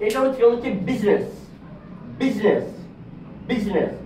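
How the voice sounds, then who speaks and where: A man's voice: high voice, expressive, noisy background. Man teaching, heard from far off. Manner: repeats words slowly, asks the class questions. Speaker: English teacher. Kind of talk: whiteboard lesson. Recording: distant, echoey, dull classroom sound.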